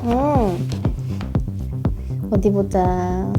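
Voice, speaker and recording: A young woman hosting a children's game show, giving playful, polite and animated commentary as she plays. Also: medium pitch, very slow. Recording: loud music behind the voice. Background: loud music.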